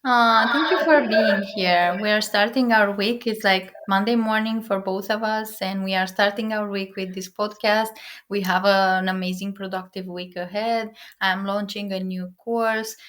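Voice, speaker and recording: Enthusiastic woman hosting a podcast. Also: medium pitch. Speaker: podcast host. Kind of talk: podcast interview.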